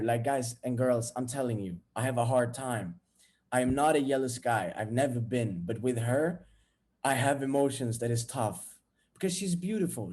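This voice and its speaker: Blunt man, mellow voice. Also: medium pitch. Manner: candid, blunt and profane. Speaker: vlogger. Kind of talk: casual storytelling to viewers.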